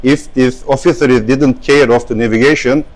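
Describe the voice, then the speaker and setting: Turkish ship's officer, mid-pitched, halting English. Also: male voice, fairly even intonation. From Turkey. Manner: halting non-native English phrasing. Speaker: ship's second officer being interviewed. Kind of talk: explaining equipment in an interview. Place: on a ship's bridge.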